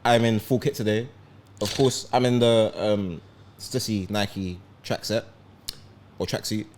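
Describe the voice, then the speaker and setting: A young man, co-hosting a casual podcast and describing items in a relaxed, detailed way. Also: on the low side, unhurried. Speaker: podcast co-host. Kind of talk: casual chat.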